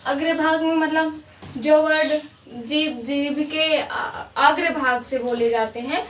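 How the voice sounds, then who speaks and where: Her voice is high and a bit bright, with fairly even intonation and a slow pace, as this woman teaches grammar. She repeats each example patiently and confirms her students follow, heard through a distant mic in an echoey room with faint hiss.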